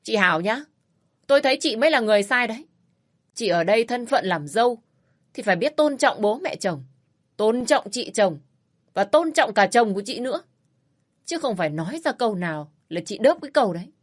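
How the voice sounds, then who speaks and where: Woman voicing old father-in-law, furious, domineering, loud raised voice, harsh scolding. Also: a little high, sing-song, a little fast, pitched above the performer's own voice.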